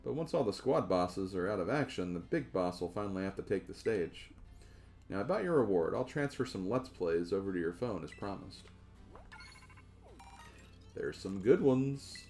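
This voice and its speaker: A man voicing a secretive commander who briefs an ally over the phone in a measured, businesslike way, reading game dialogue aloud. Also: deep voice, expressive, darkish tone, faint music behind. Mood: briefing.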